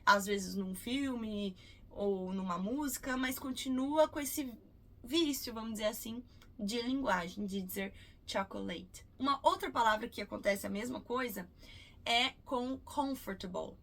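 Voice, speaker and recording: Brazilian woman teaching English, slightly gravelly. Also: fairly high pitch. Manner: patient, repeats example words slowly. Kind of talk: casual video lesson. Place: cruise ship.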